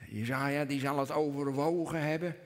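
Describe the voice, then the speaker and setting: A man, preaching a sermon in church, earnest, rising to emphatic peaks and dropping to a hush. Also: fairly high pitch, fairly even intonation, normal speed. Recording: long reverb of a church hall.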